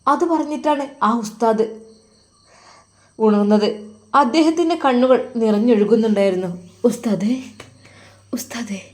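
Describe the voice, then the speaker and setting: A woman narrating a story slowly, solemnly and with emotion. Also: a little high, expressive, a little mellow, reverberant, long reverb tail.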